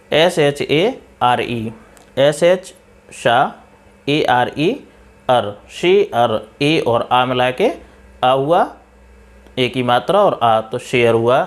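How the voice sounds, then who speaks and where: Slow Indian man spelling out English words. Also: mid-range voice. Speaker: teacher. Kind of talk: spoken English pronunciation lesson.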